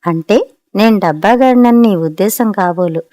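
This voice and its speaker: A woman's voice: mid-range voice, moderate pace, lightly acted. A woman voicing an irritable, proud middle-aged husband who needles his wife in a storybook reading. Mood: sarcastic. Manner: sharp and needling.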